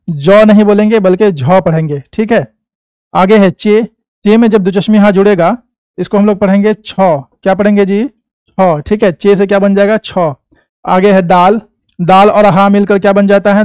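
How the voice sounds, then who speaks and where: A man with an Indian Hindi accent teaching an Urdu class, patiently asking questions and answering them himself, saying each sound slowly. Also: high-pitched, a little mellow, clean tone, no room sound. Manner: patient, asks and answers his own questions. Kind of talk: classroom lesson.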